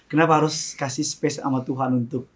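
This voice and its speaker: Male host, casual interview chat; husky voice, probing questions in an easy, informal way. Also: medium pitch, fairly even intonation, a little fast. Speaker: talk show host.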